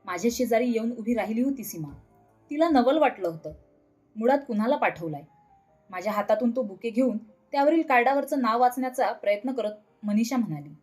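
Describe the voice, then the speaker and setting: A woman's voice: on the high side, expressive, brisk, a little mellow, faint music behind. A woman narrating a scripted story in the first person, from a husband's point of view.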